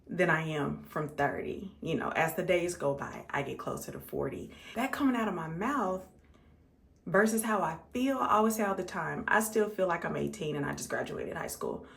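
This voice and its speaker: With a fairly low, creaky voice, this 35-year-old American makeup vlogger talks conversationally to her viewers as she does her makeup. She tends to repeat words to emphasize them.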